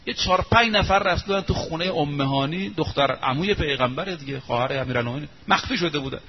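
A man preaching a sermon, telling a story emphatically and drawing out quoted phrases slowly. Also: fairly high pitch. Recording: muffled lo-fi recording, faint hiss.

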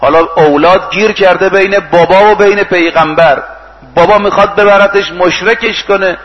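A man's voice: high voice, steady tone, long reverb tail, highs cut off. A male preacher giving a sermon. He retells stories, acts out the speakers' lines and recites Arabic verses. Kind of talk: sermon with storytelling.

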